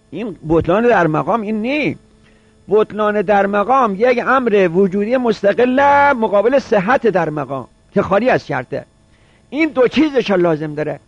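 A seminary teacher delivers a jurisprudence lecture in a high male voice, restating each point and throwing out rhetorical questions. The recording is dry with no room sound, and the upper frequencies are cut off.

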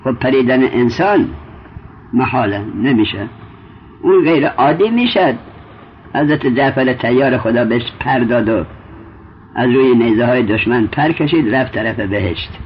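A man's voice: medium pitch, expressive, slight background noise. A man teaching a traditional Arabic grammar lesson, explaining step by step and quizzing his student as he goes. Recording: muffled lo-fi recording.

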